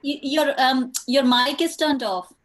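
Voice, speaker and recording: A woman's voice: high voice, unhurried, a bit bright. A woman speaking as a guest over a group video call, helpfully explaining how to fix audio settings. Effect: heard over a group video call. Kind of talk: casual chat.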